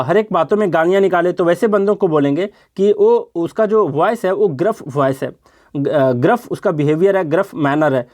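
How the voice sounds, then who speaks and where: A man teaching an exam-prep vocabulary lesson, explaining step by step, repeating words and asking rhetorical questions. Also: high-pitched.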